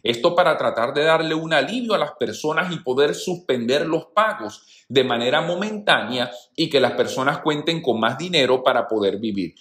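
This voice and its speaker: A man's voice: fairly high pitch, animated, moderate pace, hardly any pauses, fairly bright tone. A man hosting a news channel, giving opinionated commentary in voice-over and addressing viewers as friends. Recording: roomy echo.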